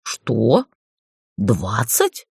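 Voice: medium pitch, wildly swooping pitch, extremely slow, creaky, darkish tone, breathy edge, no echo, clean studio sound, voice pushed down, exaggerated voice. A narrator voicing a crude, foul-mouthed middle-aged male boss who bullies and mocks in an audiobook. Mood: wheedling. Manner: bullying, swearing, mocking. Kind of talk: audiobook character voice.

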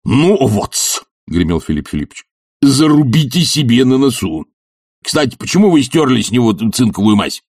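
A man's voice: low-pitched, lively intonation, unhurried, gravelly, mellow, husky, no room sound, clean studio sound, exaggerated voice. A man voicing an imperious older professor, lofty and ironic, who bursts into thundering rage, in an audiobook. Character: imperious older male professor, quick to fury. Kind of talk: audiobook character voice.

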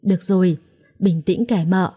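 A woman voicing a grieving young wife of twenty in a told story, speaking softly and in a subdued way. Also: lowish voice, moderate pace, husky.

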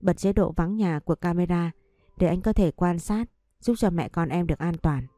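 A woman voicing a regretful young husband and father who gives gentle, pleading instructions to his family. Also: fairly low pitch, normal speed, dry recording, clean studio sound, lightly acted. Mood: tender.

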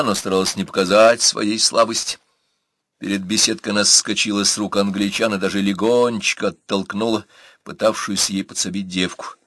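A man reading an audiobook aloud, narrating steadily and acting out the characters' lines with a raised, louder voice. He reads into a close studio mic. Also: on the low side, no room sound.

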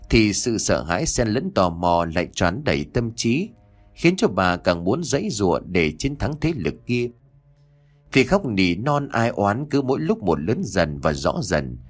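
A man narrating an audiobook horror story in a slow, dramatic storytelling manner. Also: lowish voice, sing-song.

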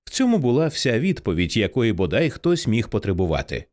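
A man narrating an audiobook in an expressive, dramatic reading style. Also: medium pitch, brisk. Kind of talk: scripted narration.

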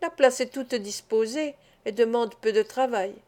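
A woman's voice: a little high, normal speed, a little mellow, close to an everyday voice. A woman reading the part of an eager, inventive teenage boy in an audiobook.

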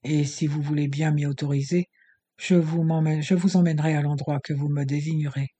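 Male reader as composed gentleman, polite, dark and husky, audiobook. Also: a little high, little pitch movement. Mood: reassuring. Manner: measured, polite address. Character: courteous, composed gentleman, man, calm and gracious. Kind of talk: audiobook character reading.

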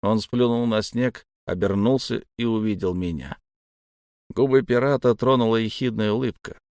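A man giving a measured, tense first-person audiobook narration. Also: on the low side, darkish tone, dry recording, clean studio sound.

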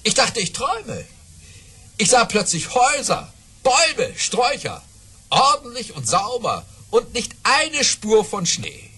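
An actor playing a boastful, jovial aristocratic baron who tells tall tales in a theatrical, savouring way, in a radio play. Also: male voice, extremely high pitch, big pitch swings, unhurried, sharp tone, slightly rough, exaggerated voice. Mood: dramatic, wondering. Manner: theatrical, savouring storytelling with dramatic swings. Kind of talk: German radio play acting.

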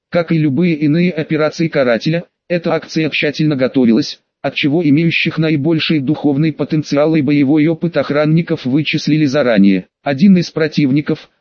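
A man reading an audiobook in a measured, even scripted narration. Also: on the high side, no echo, highs cut off.

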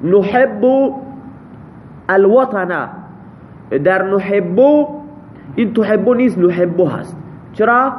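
High-voiced male teacher explaining grammar. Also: long pauses, dull audio, slight background noise. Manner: parses example sentences step by step, checks with students. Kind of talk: classroom grammar lesson.

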